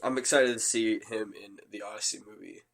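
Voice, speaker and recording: A man's voice: fairly low pitch, steady tone, a little fast, gravelly. Young male podcast host, nasal from a cold; easygoing casual chat. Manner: easygoing, brief agreeing replies. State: nasal from recovering from illness.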